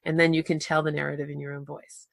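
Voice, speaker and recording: Low gravelly-voiced woman host. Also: level tone, fast talker, dry recording. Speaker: podcast host, marketing coach. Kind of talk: casual conversational interview. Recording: dry close recording.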